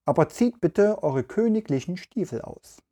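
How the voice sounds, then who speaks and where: A fussy, house-proud old woman who scolds about every speck of dust yet has a kind heart, as a male narrator puts her on. Her voice sits well above his, with slow, careful storybook delivery. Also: high-pitched, expressive, warm tone, breathy edge, pitched above the performer's own voice. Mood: scolding. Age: older.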